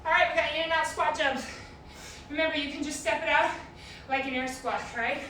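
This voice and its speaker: A woman's voice: high-pitched, fairly even intonation, fairly quick, bright, forceful tone, recorded from a distance. A woman coaching a workout as an aerobics instructor, encouraging, calling out short cues and counting reps in a very echoey, noisy room away from the mic.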